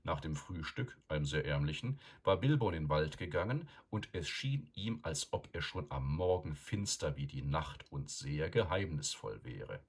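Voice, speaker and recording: A man narrating an audiobook in a calm, measured storytelling manner. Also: a bass voice, breathy edge.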